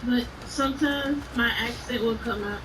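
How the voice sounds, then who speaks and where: A woman from Mississippi with a Southern accent chatting casually, unhurried and quick to laugh. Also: fairly high pitch. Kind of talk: casual chat. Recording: distant from the mic with background noise.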